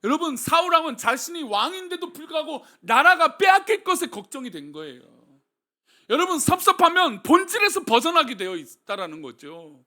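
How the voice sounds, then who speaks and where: A male pastor delivers a sermon with a very high voice that leaps up and down animatedly. He keeps asking his congregation questions, moving between quiet, soft passages and loud, emphatic ones. His tone is bright and forward. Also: very animated, normal speed. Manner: preaching with rhetorical questions to the congregation. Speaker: senior pastor.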